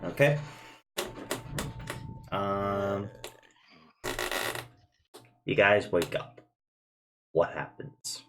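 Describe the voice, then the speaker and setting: A man running a tabletop game as game master, teasing and a bit halting. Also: lowish voice, fairly even intonation, background noise.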